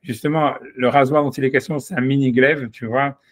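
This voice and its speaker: A man leads an informal Talmud study session. He reasons aloud, restarting his sentences and adding quick asides. His voice sits at an ordinary middle pitch. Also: fairly even intonation. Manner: hesitant, thinking aloud, many restarts. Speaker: rabbi teaching Talmud. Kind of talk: informal study-class explanation.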